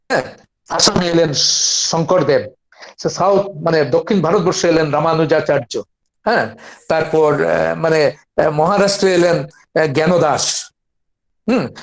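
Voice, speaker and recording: An older man with a Bengali accent giving an impassioned academic lecture on a webinar, asking rhetorical questions and reciting verses. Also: high voice. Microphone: webinar video call.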